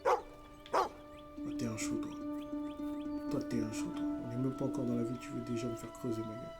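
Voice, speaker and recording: A man casually commentating his gameplay, reading game text aloud in street slang, with sudden loud shouts of excitement. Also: medium pitch, racing, loud music behind the voice. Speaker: let's play gamer.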